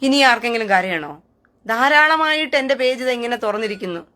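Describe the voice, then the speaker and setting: A woman with a slightly high voice talks straight into her live stream. She is scornful and taunting, and keeps firing back mocking questions. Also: expressive, a little fast, bright, forceful tone.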